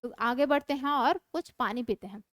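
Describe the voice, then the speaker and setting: A woman's voice: high-pitched, no room sound. A young woman with an Indian English accent, teaching a class and explaining a play line by line. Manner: reads lines slowly and loudly, then explains plainly.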